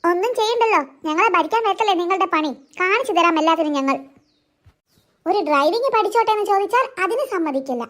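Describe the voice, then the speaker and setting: A woman's voice: very high-pitched, animated, fast, fairly bright tone. A woman voicing a bickering, sarcastic housewife in a cartoon. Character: nagging, sharp-tongued cartoon housewife.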